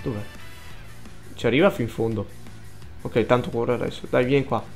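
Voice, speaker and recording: A man's voice: medium pitch, steady tone, normal speed, a little mellow, soft background music. Swearing man commentating gameplay. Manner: swears a lot, frantic outbursts, mutters under breath. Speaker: gaming let's player.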